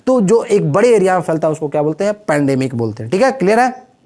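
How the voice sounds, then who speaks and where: A man's voice: high-pitched, big pitch swings, fast talker, a little mellow. A man teaching English vocabulary in a lesson. He explains each word step by step and keeps checking in with his students. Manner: explains step by step, with frequent "theek hai" check-ins.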